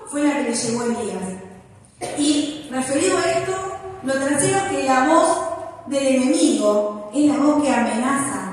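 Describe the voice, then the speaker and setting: A woman pastor with a Rioplatense Spanish accent gives an expressive sermon and acts out inner voices. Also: high-pitched, slight background noise. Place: church hall. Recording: echoey hall from far off.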